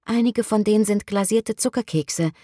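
A woman reading an audiobook, voicing a cheerful young woman who bakes cookies, lifting her voice to sound bright and eager. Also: medium pitch, normal speed, no room sound, studio quality, voice pushed up, lightly acted. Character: cheerful young petite blonde woman baker.

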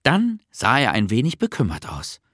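A narrator reading a children's storybook aloud in an expressive, unhurried way. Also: medium pitch, no echo, studio quality.

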